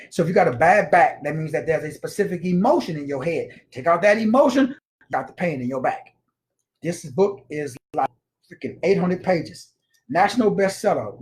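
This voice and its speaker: A man's voice: high-pitched, darkish tone. A man giving an informal spiritual lecture, slangy and emphatic, repeating words for stress. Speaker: spiritual teacher.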